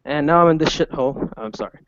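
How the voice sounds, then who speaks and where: A man's voice: a little high, quick pace. A young man from the Emirates, an art student, chatting casually and jokingly, dropping the odd swear word. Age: young adult. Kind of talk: casual chat on a call. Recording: dull lo-fi call audio with faint hiss.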